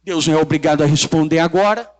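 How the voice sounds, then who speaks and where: A pastor with a Brazilian Portuguese accent preaches a sermon in church, talking fast in a fairly high voice. He is emphatic and repetitive, drawing call-and-response from the congregation.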